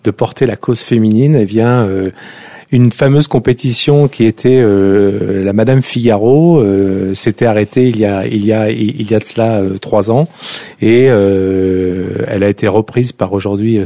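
Hesitant low-voiced man. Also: steady tone, moderate pace, warm tone, no echo. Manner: hesitant, many fillers. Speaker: guest, company director. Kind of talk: radio interview.

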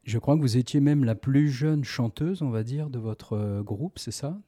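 A man hosting a radio interview, jovial and quick to laugh. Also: mid-range voice, dark tone. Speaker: radio host.

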